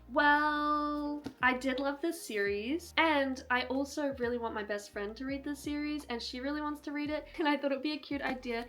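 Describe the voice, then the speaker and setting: Young woman, rambling casual vlog chat, slightly high voice. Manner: chatty, rambling, laughs often. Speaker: book vlogger. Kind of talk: casual book haul chat. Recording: soft music behind.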